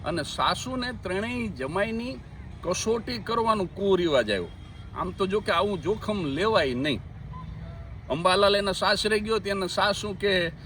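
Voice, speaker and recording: A man with a Gujarati accent tells jokes and funny stories on stage, his voice sitting high for a man. He chats with the crowd as if talking to friends. A faint hiss of noise runs under the live recording. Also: a bit bright. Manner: chatty joke-telling, addressing the audience as friends. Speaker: stand-up comedian. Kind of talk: Gujarati folk stand-up storytelling.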